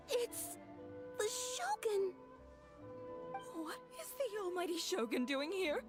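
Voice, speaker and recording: A woman's voice: extremely high pitch, big pitch swings, takes it slowly, full character voice. A woman voicing a startled, awestruck townswoman in a video game, with music behind her. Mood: shocked, awed.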